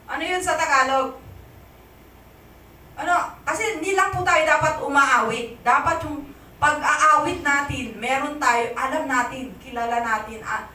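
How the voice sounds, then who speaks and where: A woman's voice: sits high, a little slow, bright, forceful tone, slight background noise. A Filipino woman pastor giving a conversational sermon, often asking the congregation "amen?", recorded in an echoey church hall from a distance.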